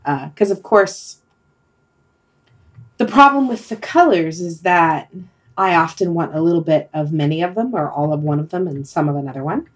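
A middle-aged woman with a lowish, animated voice and a moderate pace hosts and leads a casual, reflective podcast discussion. She thinks aloud, sounding hesitant and rambling.

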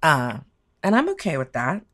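This woman's deep voice swoops wildly in pitch while she keeps a normal speed. She is from the United States, a podcast guest discussing the week's topic in a wry, reflective, rambling chat.

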